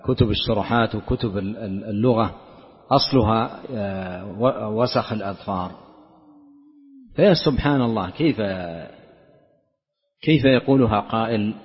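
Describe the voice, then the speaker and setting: Man, scholar, measured religious lesson, repeats words, long hall echo, muffled lo-fi sound. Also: lowish voice. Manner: measured, repeats and restarts words while explaining. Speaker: Islamic scholar teaching a lesson. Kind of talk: religious lesson explaining hadith. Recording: dull lo-fi lecture recording with long hall reverb.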